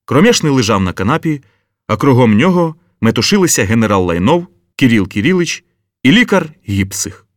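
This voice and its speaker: A man narrating an audiobook in an expressive, lively reading. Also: medium pitch, a little fast, dry recording, studio quality. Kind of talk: scripted narration.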